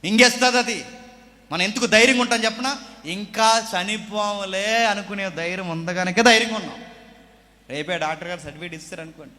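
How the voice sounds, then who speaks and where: Male pastor, somewhat high and bright, preaching in a hall with long reverb; rhetorical questions, loud declaiming traded with quiet asides. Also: fast talker. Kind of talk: sermon.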